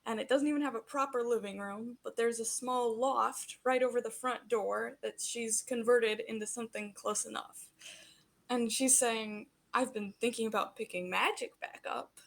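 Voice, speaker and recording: A woman's voice: a little high, creaky, fairly bright tone. A woman as game master, narrating a tabletop game and voicing its characters in quotes. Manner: voices the mother and villain in quotes while narrating.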